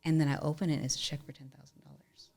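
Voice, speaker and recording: A woman with a low, gravelly voice races through a story as a guest on a podcast, where she's interviewed casually as a musician and entrepreneur. She's an animated storyteller who says "like" a lot.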